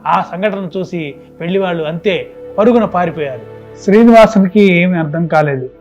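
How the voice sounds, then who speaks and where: A man narrating a story dramatically, his loudness rising and falling. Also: high voice, normal speed. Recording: dull lo-fi with music behind. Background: background music.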